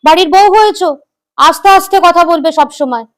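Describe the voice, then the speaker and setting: A woman's voice: very high-pitched, fairly quick. A woman playing a strict mother-in-law who lectures her daughter-in-law in a comic family sketch. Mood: scolding. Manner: scolding, lecturing.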